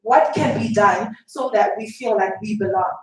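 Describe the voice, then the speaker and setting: A young woman from Zimbabwe asks an emotional question from the floor, shaky and urgent, talking fast. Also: mid-range voice. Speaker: audience member asking a question. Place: lecture hall at a public event. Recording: echoey hall, far from mic.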